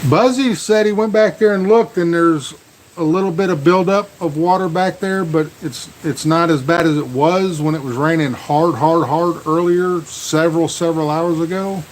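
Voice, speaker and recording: American man rambling casually, slightly high voice. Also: steady tone, moderate pace, a little hiss or hum, poor audio. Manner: rambling, folksy, repeats words. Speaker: livestream host. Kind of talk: casual live storm vlog chat. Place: outdoors near a truck in rain.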